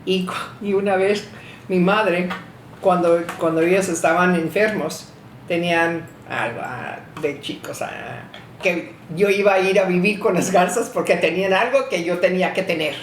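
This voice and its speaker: An older woman telling family memories in an interview, halting and restarting her sentences. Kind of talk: reminiscing storytelling. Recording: roomy echo, faint rumble.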